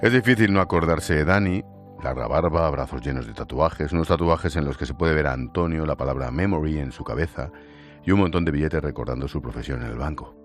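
A man's voice: extremely low pitch, fairly quick, faint music behind. A man hosting a radio segment, reading a scripted narration and then chatting informally with a guest. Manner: informal with guest, calls him macho and tío. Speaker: radio host.

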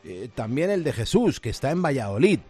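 A man's voice: mid-range voice, sing-song, fairly quick, a little mellow, husky. Man reading a radio report.

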